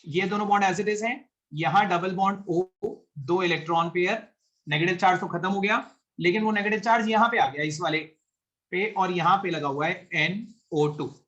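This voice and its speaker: A man's voice: sits high, normal speed, fairly bright tone, muffled recording. Guy teaching chemistry to a class, walks through it step by step, keeps checking everyone gets it. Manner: explains step by step, often checks if students follow; mixes English science terms into Hindi. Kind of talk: classroom lecture with online students.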